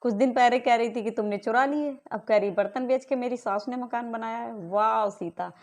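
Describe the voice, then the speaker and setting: Indignant high-voiced woman ranting. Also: steady tone, brisk, a little mellow. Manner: indignant, accusing, repeated rhetorical questions. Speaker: vlogger. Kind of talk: angry family-dispute rant to camera.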